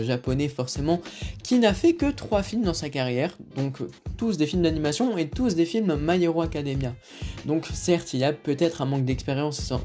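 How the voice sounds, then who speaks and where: A man's voice: fairly high pitch, dark tone. A man with a French accent hosting a casual film review podcast, talking hesitantly with many fillers and restarts. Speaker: podcast host.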